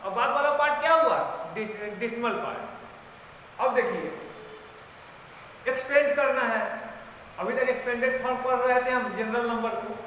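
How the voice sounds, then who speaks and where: A male math teacher with a very high voice, teaching a lesson in a classroom. He quizzes the class and answers himself, drilling each term over and over. His voice rings through a strongly echoing room with a long reverb tail. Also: normal speed, long pauses, bright, forceful tone. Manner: asks questions and answers them himself, repeats key terms. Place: school classroom. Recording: very echoey classroom, faint room noise.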